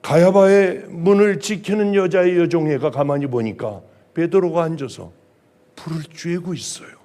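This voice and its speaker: A middle-aged male pastor preaching a sermon, emphatic, swinging from loud exclamations to hushed, quiet lines. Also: fairly high pitch, normal speed.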